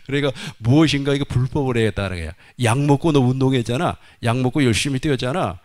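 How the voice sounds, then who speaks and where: A man's voice: medium pitch, quick pace, a little mellow. A man preaching a sermon, repeating his points emphatically and dropping folksy asides.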